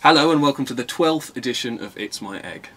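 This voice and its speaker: A man's voice: medium pitch, expressive, fairly quick, a bit bright. A man co-hosting a casual food review show, teasing and laughing often. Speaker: co-host. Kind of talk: casual banter. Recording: noisy home recording.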